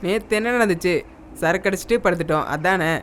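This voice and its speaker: A man's voice: high-pitched, fast, background noise, natural voice. A man playing an offhand young man who brushes off his friend's fears. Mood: dismissive. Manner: dismissive, casual. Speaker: roommate. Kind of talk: short film acting. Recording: film soundtrack with loud music. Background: film score.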